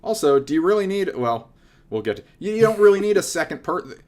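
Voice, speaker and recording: A man's voice: high voice, big pitch swings, brisk, darkish tone. A man in his late thirties co-hosting a podcast, chatting casually with dry, sarcastic teasing. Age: late 30s. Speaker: podcast co-host. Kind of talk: casual chat.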